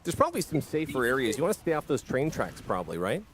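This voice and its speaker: A man with a Canadian accent hosting a charity live stream, easygoing and quick to laugh at himself. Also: medium pitch, huge pitch swings, a little hiss or hum. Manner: easygoing, laughing, self-deprecating. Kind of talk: casual live-stream chat.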